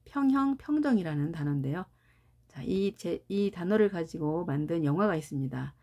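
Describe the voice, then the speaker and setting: A woman's voice: lowish voice, lively intonation, normal speed, a little mellow. A Korean-speaking woman teaching English pronunciation, explaining carefully and repeating each example word. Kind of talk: recorded pronunciation lesson.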